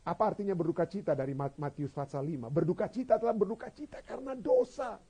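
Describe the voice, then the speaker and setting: A man's voice: high-pitched, lively intonation, fast, breathy edge. A male pastor preaching a sermon, dramatic and full of rhetorical questions, switching languages mid-sentence. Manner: dramatic, swings from hushed to loud, many rhetorical questions.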